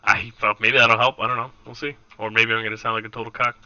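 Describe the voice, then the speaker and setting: Bright-voiced, profane male streamer. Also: medium pitch, little pitch movement, fast talker, no echo, muffled recording. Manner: loose, profane, chummy banter. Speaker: game streamer. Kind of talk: casual live-stream chat.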